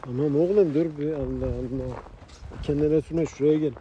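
A man's voice: a little high, fairly even intonation, normal speed, warm tone, highs cut off, a little hiss or hum. A man on the street pulled into a prank, answering briefly and telling someone off bluntly. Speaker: prank target. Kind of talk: casual street talk. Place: outdoors on a street.

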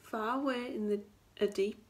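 Woman teacher, storybook read-aloud for children, expressive, asks questions, fairly high voice, camera mic indoors. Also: normal speed, slight background noise.

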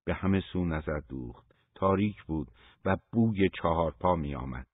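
Male audiobook reader, deep and husky, measured pacing, dry phone-like recording. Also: no echo. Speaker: audiobook narrator. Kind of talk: scripted audiobook narration. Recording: dry, phone-like narrow sound.

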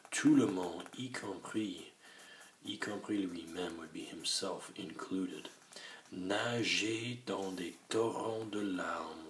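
A deep-voiced man reads a story slowly, stopping to translate each phrase and explain words. His voice echoes in the room over a steady bed of noise, with clicks now and then. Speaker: teacher reading a French story. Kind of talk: bilingual story reading lesson.

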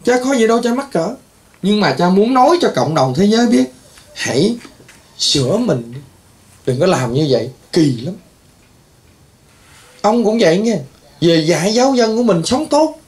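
A male priest with a high-pitched voice. He rambles, scolds and lectures his listeners, often breaking into exclamations. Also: very animated, normal speed, pauses often, darkish tone. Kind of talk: scolding talk to patients.

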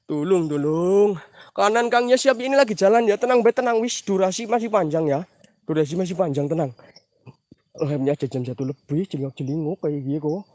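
Man, live-stream host, high voice, dry close sound, crickets around, chatty. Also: a little fast, darkish tone, dry recording. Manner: chatty, reads viewer names, mixes Javanese slang, sudden exclamations. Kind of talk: live paranormal stream chat.

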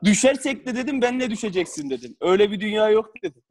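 A man with a high, light voice spins lively anecdotes over a video call. He laughs through his stories and acts out the lines of the people in them. The sound is plain call audio. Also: fast, background noise. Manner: animated, laughs often, acts out quotes. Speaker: former footballer. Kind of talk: casual storytelling on a video call.

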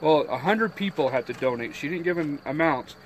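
A man in relaxed casual chat on an outdoor livestream, reading names off a list and chatting easily. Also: on the high side, a little fast, a crowd in the background, poor audio.

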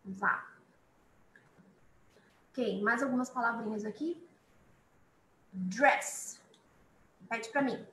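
A woman teaching a beginners' online English lesson, chatty, repeating each word slowly for her students. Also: a little high, a bit bright, roomy sound, a little hiss or hum, rough recording.

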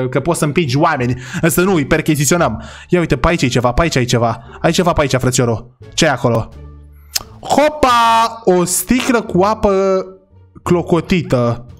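A young man from Romania giving excitable, chatty commentary while playing a video game, talking to his viewers. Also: a little high. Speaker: gaming YouTuber. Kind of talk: gameplay commentary.

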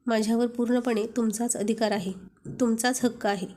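A woman's voice: on the high side, little pitch movement, moderate pace, darkish tone, natural voice. A woman voicing a shy, loving young wife who speaks bashfully and affectionately. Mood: tearful.

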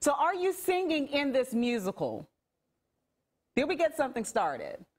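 A woman's voice: high voice, huge pitch swings, measured pace. A woman news anchor introducing and interviewing a guest in a friendly, upbeat manner.

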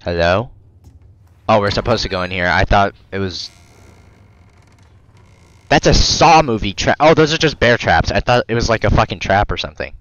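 A man playing a video game and commenting, rambling, swearing often and bursting into loud excited outbursts, close to his microphone. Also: lowish voice, moderate pace, pauses often, dull audio. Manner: rambling, stumbling over words. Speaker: gamer. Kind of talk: let's play commentary. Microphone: close desk mic.

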